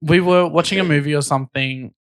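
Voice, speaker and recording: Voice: medium pitch, brisk, dry recording. A podcast host chatting casually and telling stories in a jokey, teasing way. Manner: teasing, jokey, animated storytelling. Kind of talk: casual comedic podcast chat.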